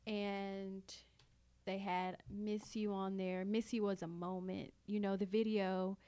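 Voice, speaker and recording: A woman co-hosting a podcast in casual chat, recounting things in a reflective, unhurried way. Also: mid-range voice, flat delivery, mellow, smooth. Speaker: podcast co-host.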